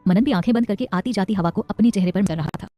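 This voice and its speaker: A woman narrating a dramatic story in a brisk scripted style. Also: mid-range voice, warm tone, faint music behind.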